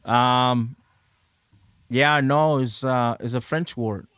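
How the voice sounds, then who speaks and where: A man's voice: medium pitch, steady tone, slow pace, a bit bright, clear, resonant tone. Chatty man streaming a baseball game. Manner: chatty, reacts to chat messages, swears. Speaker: livestreamer playing a baseball video game. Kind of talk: casual livestream chat.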